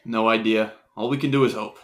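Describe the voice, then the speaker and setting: A man playing an anxious spy who coaxes and frets in hushed tones. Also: lowish voice, fairly even intonation, fairly quick, close to an everyday voice. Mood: nervous. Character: anxious male spy coaching a friend.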